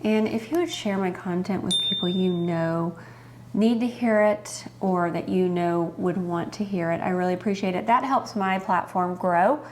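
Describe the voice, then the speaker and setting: A woman's voice: fairly low pitch, moderate pace, slight background noise. A middle-aged woman hosting her home cooking channel, chatting earnestly and heartfelt to her viewers. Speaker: host. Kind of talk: casual chat to camera.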